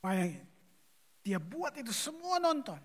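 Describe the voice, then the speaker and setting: A male pastor preaching a sermon in slangy, animated storytelling, acting out the people in his stories. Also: extremely high pitch, measured pace, breathy edge.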